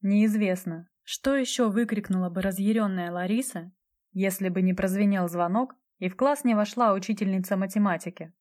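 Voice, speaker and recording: A woman narrating an audiobook in a measured storytelling manner. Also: medium pitch, darkish tone.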